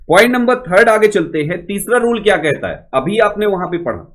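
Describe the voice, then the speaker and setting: A man teaching a grammar lesson to students, explaining step by step, reading rules out slowly and often checking whether they follow. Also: fairly high pitch. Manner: explains step by step, asks many check questions; reads rules out slowly and deliberately.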